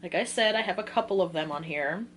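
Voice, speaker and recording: This woman in her twenties talks fast in a lowish, slightly bright voice while casually going over a book list with her audience. She giggles a lot and keeps breaking into her own sentences, and there's a bit of background noise.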